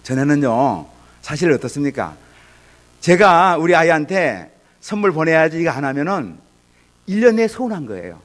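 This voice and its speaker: A middle-aged man preaching a sermon as pastor, animated and acting out little scenes of angry and gentle parents. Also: fairly high pitch, normal speed.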